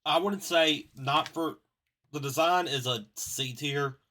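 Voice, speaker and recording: A man's voice: on the high side, takes it slowly, pushed and bright, slight background noise. A man hosting a casual gaming chat, leading the votes in laid-back slang from a home streaming setup. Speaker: ranking host.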